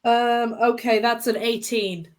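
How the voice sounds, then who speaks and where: A woman's voice: a little high, steady tone, slow, a little hiss or hum. A woman playing a tabletop game, chatting casually and with plenty of swearing.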